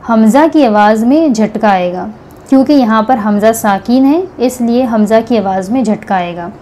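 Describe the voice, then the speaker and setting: A woman teaching Quranic pronunciation, patiently repeating each letter sound slowly for practice. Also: fairly high pitch, warm tone, slight background noise. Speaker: tajweed teacher. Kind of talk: slow step-by-step recitation lesson.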